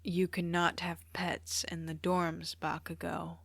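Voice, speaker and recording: A woman voicing a tired adult male teacher who speaks slowly and dryly in a storybook reading. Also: on the high side, flat delivery, vocal fry, fairly bright tone, dry recording. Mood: weary. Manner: dry, slow, tired. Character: weary adult male teacher, dry and patient.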